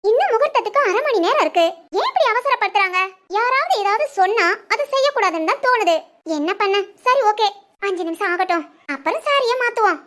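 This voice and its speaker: A woman voicing a playful, teasing young bride in an animated village family story, with a southern Tamil Nadu accent and a giggly, squealing way of talking. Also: very high-pitched, fast talker. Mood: stubborn.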